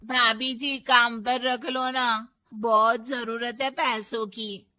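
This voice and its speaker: A poor housemaid in a cartoon story, voiced by a woman, pleading for work and gossiping. Her voice is bright and fairly high, unhurried. The sound is dry. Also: flat delivery, dry recording.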